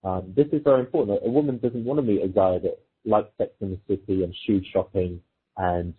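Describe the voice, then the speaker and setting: Heard over a thin, phone-like, lo-fi recording, this dating coach has a rough, very husky low voice. He talks conversationally and a bit quickly, breaking down ideas casually and acting out sample dialogue to make them clear.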